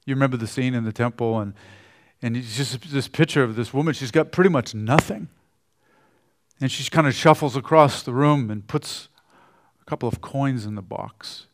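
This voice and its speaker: A man preaching a sermon in a conversational way, often trailing off softly at the ends of phrases. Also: medium pitch, moderate pace. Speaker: pastor.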